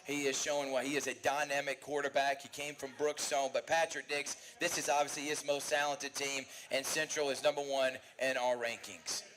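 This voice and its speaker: A man's voice: mid-range voice, level tone, a bit bright, a little hiss or hum, rough recording. A man co-hosting a live sports talk show from a bar, rattling off team rankings with enthusiasm. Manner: fast, enthusiastic rundown of rankings. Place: bar and grill.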